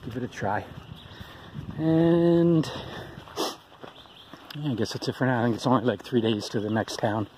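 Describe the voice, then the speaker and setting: A middle-aged man records a casual trail vlog outdoors on a handheld camera. He rambles easily with plenty of ums. Outdoor noise is clearly heard behind him, and his voice sits at an ordinary pitch for a man. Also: normal speed, pauses often. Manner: chatty, rambling, with ums and uhs. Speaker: thru-hiker vlogger.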